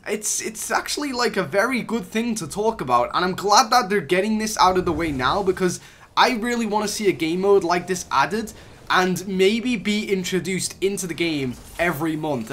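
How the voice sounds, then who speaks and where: A man's voice: high voice, fairly bright tone, slight background noise. A young man casually talking through gaming news for his channel, chatty and rambling, with frequent fillers and restarts. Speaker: gaming YouTuber. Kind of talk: casual game news commentary.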